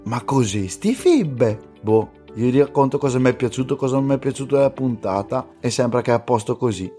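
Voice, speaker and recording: A man's voice: mid-range voice, fast talker, warm tone, soft background music. A man with a Lombard accent from northern Italy giving a casual, colloquial, jokingly resigned listener promo. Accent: Lombard, northern Italian.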